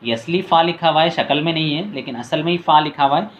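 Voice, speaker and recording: A man teaching letter reading step by step. He calls out each letter name in a long, drawn-out tone, then explains quietly in a lower voice. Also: dull audio, a little hiss or hum. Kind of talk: patient step-by-step reading lesson.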